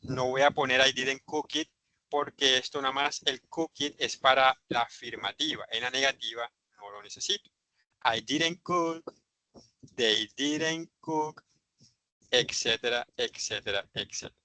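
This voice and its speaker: A man teaching an online English grammar class, patiently repeating examples and speaking slowly over a video call. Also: mid-range voice, level tone, pushed and bright, low-quality recording.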